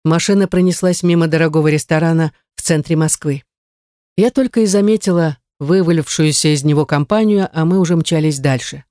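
A woman narrating a novel in the first person, reading in a steady, even manner. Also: low-pitched, brisk, dry recording, clean studio sound. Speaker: audiobook narrator.

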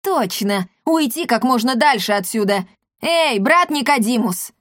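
A woman's voice: a little high, lively intonation, normal speed, no echo, lightly acted. A hot-headed male cat pilot barks threats in a raised, strained voice, as a woman reader puts him on. The sound is close and dry. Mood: furious. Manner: shouting, threatening.

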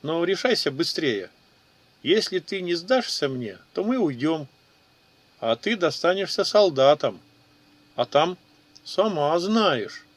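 Audiobook casting: a man doing a smooth, flattering warrior, raised a little in pitch. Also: takes it slowly, pauses often, exaggerated voice. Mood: coaxing. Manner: sweet-talking, ingratiating. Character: smooth-talking lustful male warrior, coaxing.

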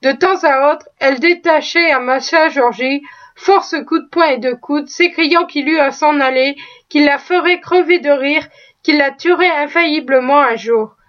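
High-voiced woman reading an audiobook. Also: measured pace, a bit bright. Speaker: audiobook reader. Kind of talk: audiobook narration. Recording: slightly dull lo-fi recording.

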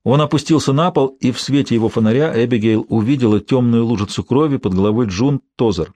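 A male narrator reads a suspense audiobook, steady and measured, in a mid-pitched voice. The recording is dry and close, with no room sound. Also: dry recording. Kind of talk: scripted narration.

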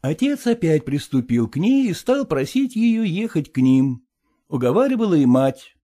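A man reading a story aloud as narrator, in a lively, expressive way. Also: on the high side, normal speed. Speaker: audiobook reader. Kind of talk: scripted narration.

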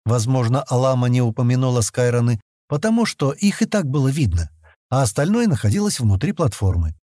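Mellow, expressive male audiobook narrator. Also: medium pitch, a little fast, no echo, clean studio sound. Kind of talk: scripted narration.

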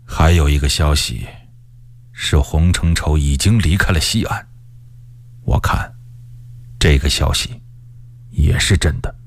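A man's voice: very deep voice, measured pace, long pauses, voice pushed down, exaggerated voice. A male storyteller voicing a stern middle-aged male rebel leader who speaks in a commanding, heavy way. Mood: brooding.

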